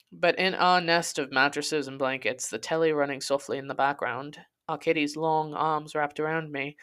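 A podcast host and narrator reads a scripted first-person story in a literary, dramatic storytelling style. Her voice sits low and is a bit bright.

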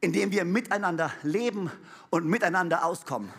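A male pastor delivering a sermon in a very high, bright, forceful voice. He preaches with emphasis and piles up repeated refrains that swell in volume. He drops in playful asides and laughter between points. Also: a little fast, husky.

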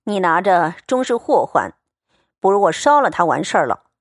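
Woman reader playing a young noble man, wheedling, petulant, quick-talking, lively swings in tone, dry close sound. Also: high voice, no echo. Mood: pleading, complaining.

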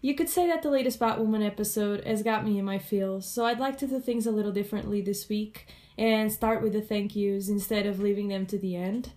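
A woman's voice: mid-range voice, brisk, few pauses, mellow. A woman with a head cold hosting a casual podcast chat. She sounds a little stuffy and nasal, and she talks in a chatty way with frequent laughs. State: congested from a cold. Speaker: podcast host.

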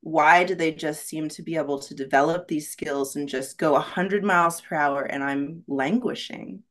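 A rock climbing guide appears as a podcast guest, speaking in a deep voice at a moderate pace. She's candid, reflective and earnest, frequently checking in with "right?"

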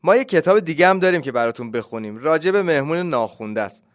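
A man hosting and reading a children's story aloud, with lively, animated narration. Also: on the high side. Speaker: host and storyteller.

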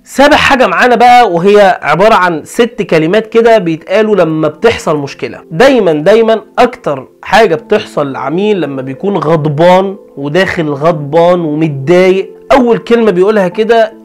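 A man with an Egyptian Arabic accent teaching customer service in a lively way, acting out exchanges with customers. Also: sits high, quick pace. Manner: animated, acts out customer exchanges. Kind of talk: energetic instructional talk.

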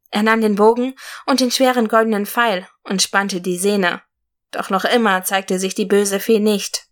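A woman narrating a fantasy fairy tale in a steady read-aloud manner. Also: medium pitch. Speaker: storyteller.

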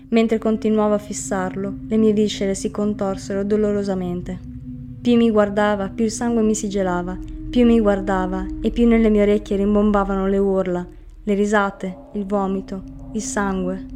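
A woman reading a dark first-person story aloud in a flat, grim narrating manner. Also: mid-range voice, moderate pace, background noise. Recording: music bed under the reading. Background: music underneath.

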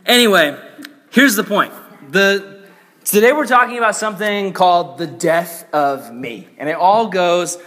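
A man's voice: high-pitched, expressive, a little slow, a bit bright. A young man giving a casual, joking youth sermon, full of "like" and playful asides. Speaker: youth pastor. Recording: echoey hall reverb.

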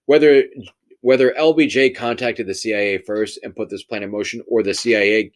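A man's voice: lowish voice, fairly even intonation, a little fast. A man arguing a theory in a casual, conversational debate, emphatic and repeating phrases to drive points home. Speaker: podcast debater.

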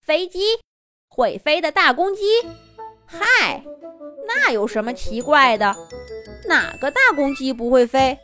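A woman's voice: high-pitched, expressive, unhurried, long pauses, pushed and bright, soft background music, heavily acted. A woman voicing a small, cheeky cricket who scolds and scoffs in a children's story. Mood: cocky. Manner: scolding, cocky.

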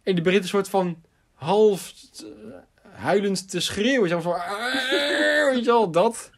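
A young adult man casually telling a funny school story, animated and laughing as he goes, with lots of fillers. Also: high voice, moderate pace.

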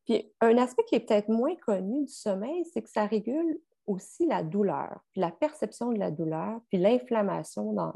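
Appearing as a podcast guest, a woman with a gravelly, mid-range voice and a Québécois French accent steadily explains sleep science. Her talk is full of fillers.

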